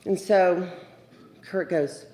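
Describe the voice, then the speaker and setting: A middle-aged woman giving a memorial eulogy, a lively storyteller who acts out the lines of the people in her stories. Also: fairly low pitch, drawn-out words. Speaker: eulogy speaker. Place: memorial service room. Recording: echoey livestreamed room.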